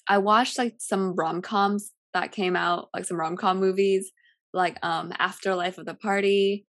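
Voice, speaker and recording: Speaking at an unhurried pace with medium pitch, a young woman from California who is a Cantonese speaker chats as a podcast guest. The casual talk is relaxed and rambling, packed with filler words.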